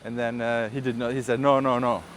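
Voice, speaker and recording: Speaking a little fast with a flat delivery and medium pitch, this German-accented vlogger from Germany walks city streets and rambles casually with informal asides. Passing traffic and urban street sounds surround him.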